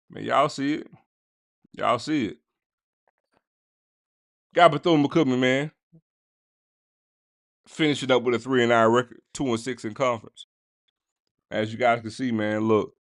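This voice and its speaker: A man hosting a casual sports podcast, talking straight to his listeners in slangy, animated bursts. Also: medium pitch, a little slow, creaky, pauses often, dry recording, studio quality. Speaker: podcast host.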